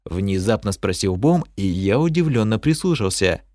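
A man narrating a first-person fantasy audiobook in an expressive storytelling manner. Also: lowish voice, normal speed, no echo, studio quality.

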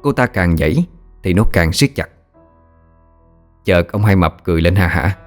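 A man's voice: low voice, animated, normal speed, faint music behind. A man narrating a ghost story in a dramatic, vivid way. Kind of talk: scripted horror story narration.

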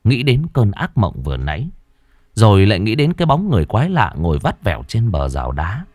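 A male storyteller narrates a horror tale in a suspenseful, dramatic way. His voice sits fairly low but swings widely in pitch, and the recording is dry and close. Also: huge pitch swings, a little fast, darkish tone, no room sound.

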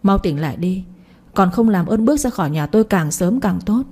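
A woman's voice: mid-range voice, lively intonation, a little fast, dark tone, husky. A woman playing a cruel old grandmother. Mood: scornful. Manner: scornful, cutting. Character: scheming old grandmother, sharp-tongued and cruel.

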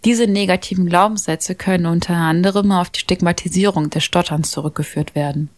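A woman's voice: on the low side, steady tone, brisk, no echo. A woman radio reporter who stutters, reading feature narration with repeated sounds and fillers.

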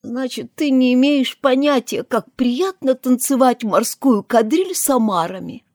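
A woman's voice: sits high, a little slow, darkish tone, no echo, clean studio sound, voice pushed up. A woman voicing a sobbing, sentimental male sea creature who cries out his lines and sings them. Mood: tearful. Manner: tearful, exclamatory, singsong.

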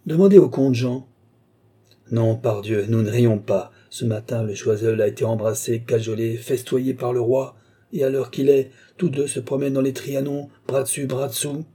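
Lazy sardonic schemer, a man reading him, dark and husky, audiobook. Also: mid-range voice, steady tone, moderate pace, close to an everyday voice. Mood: mocking. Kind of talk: audiobook character voice.

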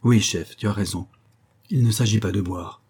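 A man voicing a dim-witted, brutish male convict with a slow, thick-headed delivery. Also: on the low side, a little mellow, husky. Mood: eager.

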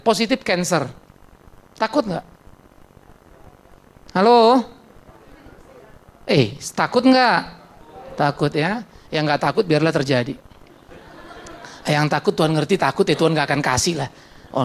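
A male pastor preaching a blunt, emphatic sermon in church. He fires rhetorical questions at the congregation, and his pitch swings sharply when he stresses a point. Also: gravelly.

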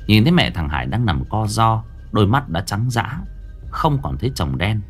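A man with a low voice tells a ghost story, his pitch rising and falling with lively drama. Faint music plays softly behind him. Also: normal speed. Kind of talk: horror story narration.

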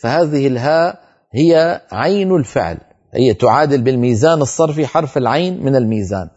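A man teaching Quran recitation on a televised lesson, explaining rules and then chanting verses slowly and drawn out. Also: mid-range voice, lively intonation, darkish tone, husky, lo-fi sound.

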